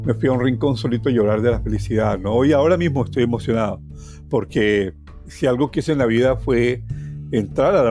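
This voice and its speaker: A Colombian man in his sixties, a journalist appearing as a storytelling guest, shares a personal story conversationally in Colombian Spanish. He repeats phrases for emphasis and tags them with questions, his warm, medium-pitched voice set against plucked guitar music.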